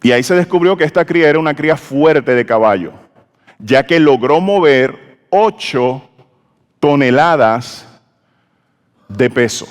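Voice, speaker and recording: A man's voice: on the high side, expressive, a little slow, long pauses. A man preaching a sermon in a church, leading the congregation in call-and-response and asking them questions. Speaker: pastor. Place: church sanctuary. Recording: church hall with long reverb.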